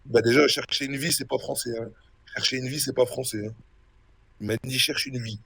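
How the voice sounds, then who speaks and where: A man's voice: medium pitch, steady tone, brisk, gravelly, a bit bright, slightly rough, no room sound. A young man streaming a role-play game, casually mocking and insulting another player in a taunting way. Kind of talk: casual trash talk on stream.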